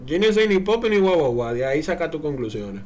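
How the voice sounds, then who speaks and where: A man with a Dominican Spanish accent, co-hosting a podcast in casual comedic banter, telling things in animated street slang. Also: fairly high pitch, fairly quick, a little hiss or hum. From Villa Consuelo, Dominican Republic. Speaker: podcast co-host.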